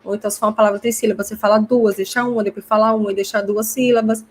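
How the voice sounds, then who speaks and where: A woman's voice: medium pitch, fairly even intonation, rapid-fire, husky. A woman hosting a live online class for parents, chatty and explanatory as she answers viewer comments. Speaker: host teaching parents.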